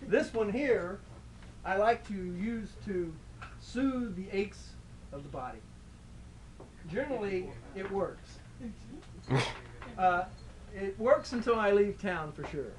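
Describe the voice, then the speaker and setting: Man playing a wry, halting traveling salesman, distant mic. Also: high-pitched, lively intonation. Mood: wry selling. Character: folksy traveling liniment salesman with mock sincerity. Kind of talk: live comic sponsor pitch. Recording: distant mic, light background noise.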